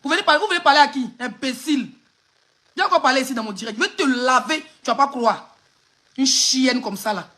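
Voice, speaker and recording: Woman, Ivorian French accent, angry phone live-stream rant, insulting, bright piercing tone. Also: high-pitched, lively intonation, brisk. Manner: insulting, mocking, laughs between jabs.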